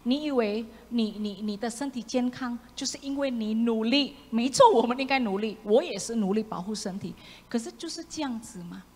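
A woman preaching a sermon, animated, acting out voices and dropping into whispered asides. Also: on the high side, normal speed, few pauses. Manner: animated, acts out voices of the prophet with sudden loud and whispered asides. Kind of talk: sermon with congregation reading along. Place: church hall. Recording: echoey church hall, faint room noise.

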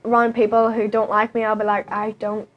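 A woman's voice: fairly high pitch, completely flat delivery, quick pace, lo-fi sound. A young woman with a Northern Irish accent, a guest on a chat show, talking in a bubbly, giggly way. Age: young adult. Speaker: guest model. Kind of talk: casual chat.

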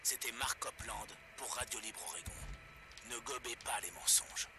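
A man's voice: mid-range voice, moderate pace, over music. An actor playing a grim, conspiracy-minded pirate radio host who rants urgent warnings to his listeners over a broadcast. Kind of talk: video game voice acting.

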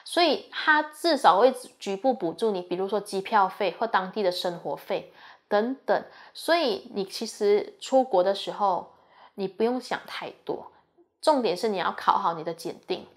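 A young woman talks through her student experience in a chatty, earnest way. Her voice sits at an ordinary middle pitch, and she sounds like a university student passing on advice. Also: lively intonation, normal speed. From Malaysia. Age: young adult. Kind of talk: casual advice talk.

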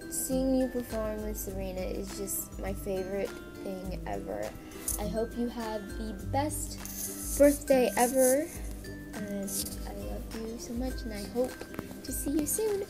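A woman's voice: medium pitch, steady tone, unhurried, over music. A woman fan giving an earnest, heartfelt birthday message.

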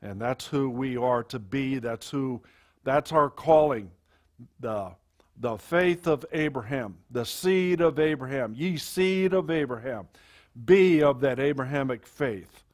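A male pastor delivers a sermon into a pulpit microphone. He speaks very slowly at a middle pitch, pausing often with fillers and restarting his phrases. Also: expressive, a little mellow. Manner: slow, halting delivery with many fillers and restarts. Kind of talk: sermon to a congregation.

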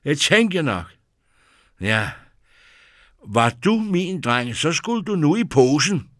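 A man voicing the old mother of the winds, a stern woman who scolds in a sharp, raised voice. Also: on the high side, big pitch swings, no room sound, clean studio sound, pitched above the performer's own voice. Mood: scolding.

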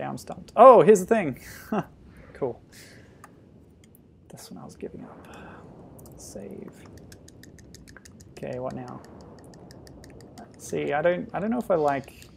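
A man casually commenting on a retro game as he plays, thinking aloud with sudden loud exclamations. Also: medium pitch, vocal fry, a little hiss or hum. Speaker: streamer.

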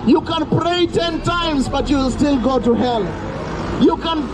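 Guy street preaching into a handheld mic, really high voice, loud and urgent, traffic noise all around. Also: unhurried, crowd noise. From Kenya. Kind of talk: open-air street sermon. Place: roadside outdoors by a busy street. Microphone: handheld mic through a portable speaker, camera at a distance.

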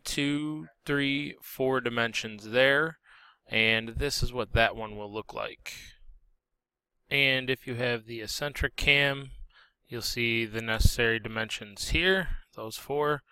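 A man teacher walking students through a software drawing tutorial step by step, relaxed and correcting himself as he goes. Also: mid-range voice, clean tone, dry recording. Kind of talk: screen-recorded software tutorial.

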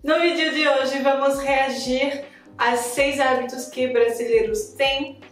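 A woman's voice: high-pitched, steady tone, slow. A young woman from France with a French accent, a native French speaker, hosting a casual reaction vlog in a friendly, hesitant way from a home office, filmed by a camera in front. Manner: friendly, hesitant phrasing with restarts. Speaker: reaction vlogger. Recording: roomy echo, distant mic, music behind.

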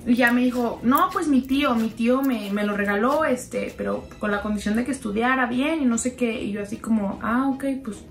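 A woman's voice: fairly high pitch, moderate pace, few pauses. A young woman telling a gossip story in a chatty, confiding way, as if talking to a close friend. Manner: chatty, confiding, keeps calling the listener "sister". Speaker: storytime narrator. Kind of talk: gossipy storytime narration over a slime video.

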